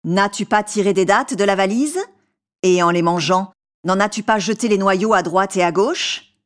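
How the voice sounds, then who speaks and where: A woman's voice: mid-range voice, normal speed, natural voice. A woman voicing a merciless ancient genie. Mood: stern. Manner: stern, relentless.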